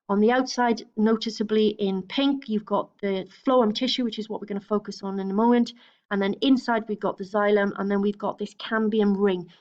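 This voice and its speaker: A woman's voice: mid-range voice, darkish tone, muffled recording. A woman teacher giving a recorded lecture over slides, explaining steadily, with frequent fillers and restarts.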